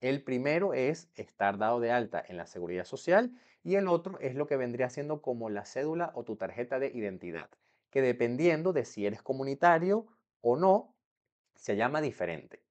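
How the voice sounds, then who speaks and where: A man's voice: mid-range voice, big pitch swings, normal speed. A young man from Venezuela explaining to camera how he moved abroad, in a chatty way that keeps checking in with the viewer. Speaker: vlogger.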